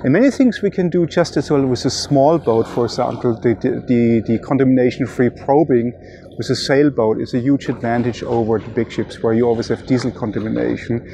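Brief: middle-aged male scientist, mellow timbre, emphatic and gesturing, faint outdoor ambience. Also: medium pitch, a little hiss or hum. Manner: emphatic, gesturing, stammers on repeats. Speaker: research scientist. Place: outdoors on a yacht deck at sea.

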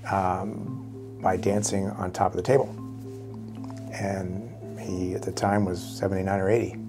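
A middle-aged man answering interview questions in an office, halting with many fillers and restarts. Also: low-pitched. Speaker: university fundraiser interviewee. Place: office indoors. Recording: background music.

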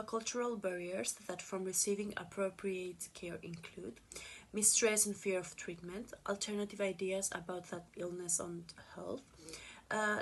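A young woman reading a class presentation to a close phone camera, steady with small hesitations. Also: medium pitch, husky. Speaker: student presenter.

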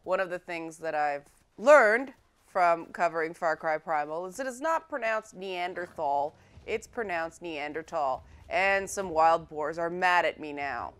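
A woman's voice: fairly low pitch, expressive, a little slow, a bit bright, clear, resonant tone. A young woman giving chatty, playful commentary while she plays a video game. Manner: chatty and playful, urging her pets on. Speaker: game presenter. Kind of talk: casual let's-play commentary.

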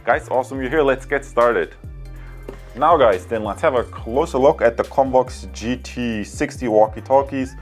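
With soft background music playing, a man of medium pitch and normal speed casually reviews and unboxes a gadget at a wooden table indoors. This tech reviewer keeps things chatty, addresses his audience as "guys," and uses plenty of fillers.

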